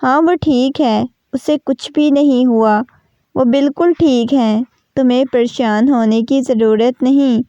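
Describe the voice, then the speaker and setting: A woman voicing a gentle, worried mother-in-law who speaks softly and reassuringly in a storybook reading. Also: high voice, dry recording, highs cut off, natural voice. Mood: soothing. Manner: soft, reassuring.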